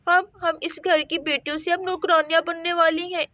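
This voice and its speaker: A woman's voice: very high voice, level tone, moderate pace, bright, forceful tone, dry recording, dull audio. A woman voicing two young daughters who whine and plead in a doll story. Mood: whiny. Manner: whiny, pleading, tearful.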